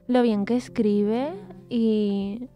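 A woman's voice: fairly high pitch, fairly even intonation, drawn-out words, dark tone, soft background music. A woman with a Spanish accent, a poet guest on radio, speaking earnestly and then reading her poem. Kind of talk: casual chat and poem reading. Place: radio studio.

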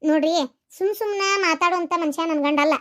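A woman's voice: very high voice, quick pace, a bit bright. A woman voicing a young married woman in a cartoon who firmly defends her husband, with a North Karnataka Kannada accent. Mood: defensive. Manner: firm, defensive, earnest. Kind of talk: cartoon voice acting.

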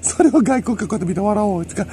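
A man's voice: high-pitched, very fast, mellow, slight background noise. A man with a Kansai accent, rambling through a solo monologue in a lecturing way and chuckling to himself. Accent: Kansai Japanese. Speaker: solo commentator.

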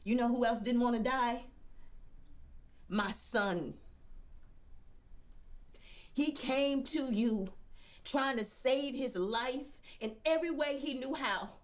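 A woman's voice: a little high, slow pace, long pauses. An actress playing a bitter, grieving mother in a film drama, intense and profane, repeating phrases for emphasis. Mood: anguished, accusing. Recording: music behind the voice.

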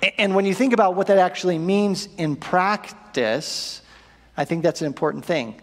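A man in his thirties preaching a sermon from a church stage, animated and asking the congregation rhetorical questions. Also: high voice, moderate pace. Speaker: pastor. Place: church auditorium stage with audience. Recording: long reverb of a church hall.

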